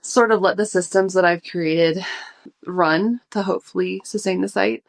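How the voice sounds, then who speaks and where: A young woman talking through her work in a relaxed interview, slightly out of breath and pausing with fillers. Her voice sits a bit low for a woman. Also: creaky. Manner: relaxed, thoughtful, many fillers. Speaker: guest, food blogger. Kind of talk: casual interview.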